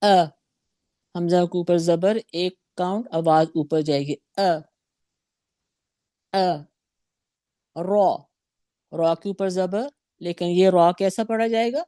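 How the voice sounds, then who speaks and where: Woman teaching tajweed super slowly, mellow voice, dry close sound, patient drawn-out syllables. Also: on the low side, dry recording. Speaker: Quran recitation teacher. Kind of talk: slow Tajweed lesson, modelling sounds for repetition.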